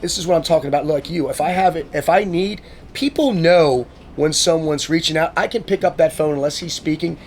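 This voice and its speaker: Animated, swearing man telling stories. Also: on the high side, a little fast, a little hiss or hum. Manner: swearing, animated storyteller who acts out quotes. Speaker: guest, motivational speaker. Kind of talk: casual storytelling conversation.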